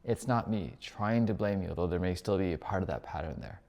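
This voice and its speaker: A man's voice: sits low, a little fast, vocal fry, mellow, long reverb tail. A man rambling reflectively about his inner life, thinking aloud and correcting himself as he goes, like a spiritual coach talking to himself. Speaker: spiritual coach and retreat host.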